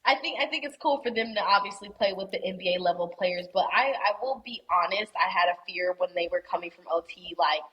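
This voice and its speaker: A young woman chatting as a podcast guest, talkative and thinking out loud with repeated words. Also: medium pitch, a little fast, hardly any pauses, lo-fi sound. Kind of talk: casual chat.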